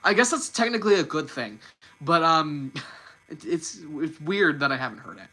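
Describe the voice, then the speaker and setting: A young man hosting a casual live stream, talking fast and often repeating and restarting his words. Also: on the high side, sing-song, bright, forceful tone, poor audio. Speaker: livestream host.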